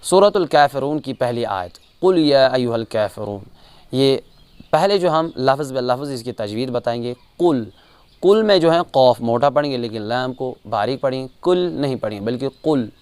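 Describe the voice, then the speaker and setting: A man with a Kashmiri accent teaching Quran recitation rules, explaining calmly and chanting each verse slowly, repeating sounds to correct mistakes. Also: mid-range voice, clear, resonant tone, no echo. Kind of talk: tajweed lesson with chanted examples.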